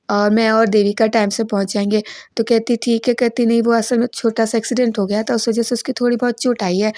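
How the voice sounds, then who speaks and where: A woman's voice: on the high side, mellow, no echo. Dry-voiced woman recapping a serial. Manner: retells scenes in plain storytelling, quoting each character in her own voice. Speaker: voice-over narrator recapping a TV serial. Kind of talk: casual spoken recap.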